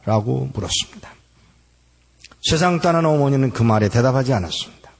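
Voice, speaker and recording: A man's voice: medium pitch, expressive, brisk, gravelly. A man in his sixties from Korea, preaching a sermon and telling a personal testimony, acting out remembered dialogue. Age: 60s. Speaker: pastor. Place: large hall at a church gathering. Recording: echoey hall with long reverb.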